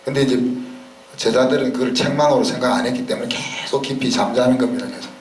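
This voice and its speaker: Korean pastor preaching in an echoey hall. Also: male voice, medium pitch, fairly even intonation, fast, slight background noise. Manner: conversational preaching, frequent "그죠?" checks. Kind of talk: sermon. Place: church sanctuary. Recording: roomy church sound from a distance.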